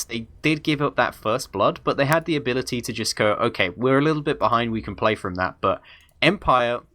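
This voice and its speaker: A man's voice: medium pitch, fairly bright tone. A man casting an esports match, talking through the game in a chatty, rambling way. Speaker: esports commentator. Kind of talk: casual esports commentary.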